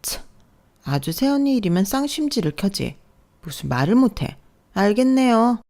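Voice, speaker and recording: A woman voicing a spiteful, sharp-tongued young sister-in-law in a storybook radio reading, with a snippy, sarcastic manner. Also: fairly high pitch, sing-song, moderate pace, pitched above the performer's own voice. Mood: sulky.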